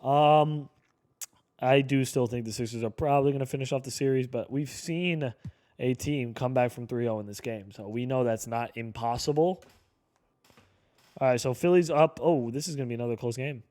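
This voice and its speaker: A man in his early twenties giving casual play-by-play commentary over a basketball video game, excitable and breaking into sudden shouts. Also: mid-range voice, normal speed, no echo. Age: 20s. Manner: excitable, calls plays aloud with sudden shouts. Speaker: gaming YouTuber.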